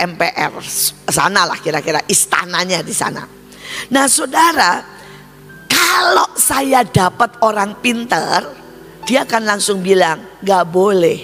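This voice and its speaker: A man preaching with a high, bright and forceful voice, telling a story with emphatic energy and calling out to the congregation again and again. His voice rings through a large reverberant hall with music playing softly underneath. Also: gravelly. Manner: emphatic storytelling, constantly addressing listeners as brothers. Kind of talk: sermon testimony.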